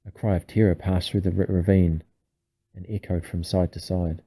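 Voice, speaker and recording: A man reading a bedtime story aloud in an unhurried, hushed storytelling manner. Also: low-pitched, flat delivery, husky, low-quality recording. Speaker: reader.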